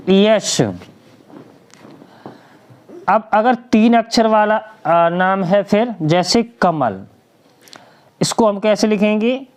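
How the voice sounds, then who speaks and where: Slow-paced woman teaching spelling. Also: medium pitch, a little mellow. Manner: patient, spells letters slowly, asks and answers own questions. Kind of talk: slow classroom lesson.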